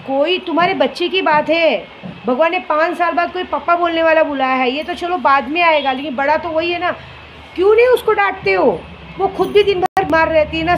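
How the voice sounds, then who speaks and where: A woman's voice: high-pitched, a bit bright, slight background noise, poor audio. A woman in her forties talking straight to camera in a candid, indignant monologue, complaining and repeating her points. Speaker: vlogger.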